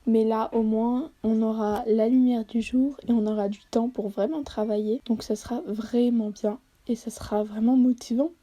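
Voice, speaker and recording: Woman vlogger, very mellow dark tone, slightly high pitch, casual voice-over, self-deprecating, hesitant fillers. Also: steady tone, moderate pace, hardly any pauses. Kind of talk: casual voice-over for a study-with-me video.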